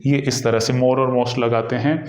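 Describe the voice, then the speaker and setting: A male English teacher with an Indian accent giving an exam-prep grammar lesson, explaining slowly, repeating himself and pausing often. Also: medium pitch, little pitch movement. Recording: echoey room.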